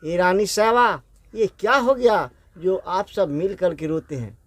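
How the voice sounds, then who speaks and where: Clever court minister, questioning, scolding, high voice, dry close sound, man reading. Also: a little slow, no room sound.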